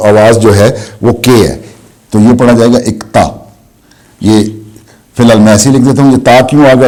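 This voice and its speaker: A man teaching a language lesson, explaining slowly and asking questions he answers himself. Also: mid-range voice, darkish tone. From Pakistan. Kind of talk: classroom lesson.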